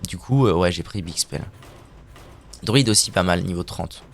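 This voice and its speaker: A man's voice: deep voice, moderate pace, gravelly, slight background noise. A man streaming a card game live, narrating his plays with playful, crude trash talk and silly mouth sound effects. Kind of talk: live gameplay commentary.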